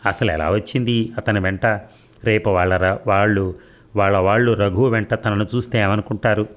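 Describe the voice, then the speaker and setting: A male narrator reading a novel aloud. His voice sits very low and keeps a steady, even storytelling pace. The delivery stays measured from line to line. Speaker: audiobook narrator.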